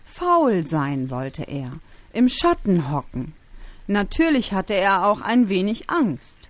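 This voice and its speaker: Slow expressive storybook narrator, woman. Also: medium pitch, dry recording. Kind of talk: storybook reading.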